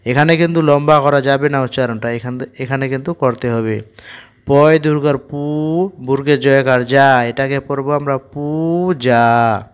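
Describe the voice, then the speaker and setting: A man teaching young children to read, spelling out each word letter by letter in a patient, steady way. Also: mid-range voice, measured pace, smooth. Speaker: primary school teacher. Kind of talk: spelling-out reading lesson for children.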